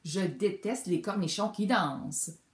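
A woman's voice: mid-range voice, expressive, unhurried, dark tone, close to an everyday voice. A big, stubborn bear who grumbles and protests at everything, as a woman reading a storybook puts him on. The voice swings widely as he complains, and it echoes around the room. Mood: grumpy.

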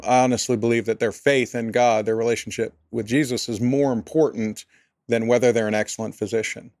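A man's voice: medium pitch, steady tone, a little fast, darkish tone, no echo, studio quality. A man, a pastor, answering interview questions in an earnest, thoughtful way, often restarting his sentences. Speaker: pastor and area director, podcast guest.

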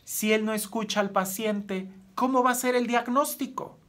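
A man's voice: steady tone, moderate pace. A man, a priest giving a gospel homily, talking earnestly and asking many rhetorical questions. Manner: earnest, rhetorical questions, swings between raised emphasis and soft low phrases.

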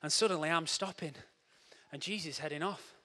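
A man giving a jokey, animated church talk, breaking into coaching shouts. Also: fairly high pitch, a little fast. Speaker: church speaker. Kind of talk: lively sermon with props and audience. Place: church hall. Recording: long hall reverb.

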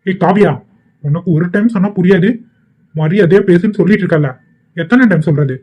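A man's voice: high voice, brisk, slightly rough. Guy doing a stern young cartoon husband, warning tone, dull lo-fi sound. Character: defiant young husband, hot-tempered.

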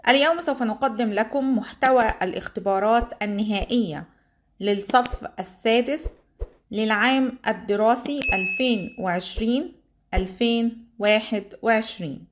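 A woman teacher with an Egyptian Arabic accent reads out a long list of exam topics in a steady, even way. Her voice sits a little on the high side. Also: normal speed, slight background noise.

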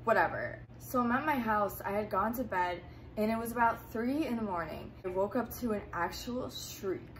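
A woman's voice: medium pitch, moderate pace, slight background noise. A young woman telling a personal story in a casual, chatty way, full of fillers. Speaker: YouTuber.

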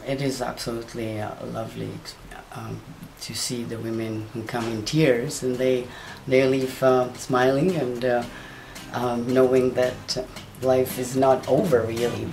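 A woman's voice: rumbling low, little pitch movement, unhurried. A woman from the Czech Republic, a volunteer, speaking hesitantly with many fillers in an interview. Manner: hesitant, many ums and uhs. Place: wig room indoors. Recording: echoey room with background noise.

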